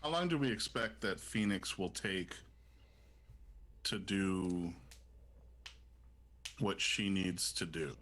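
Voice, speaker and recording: Bright-voiced questioning male player. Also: low-pitched, takes it slowly, pauses often. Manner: questioning, checking details. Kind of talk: casual tabletop play.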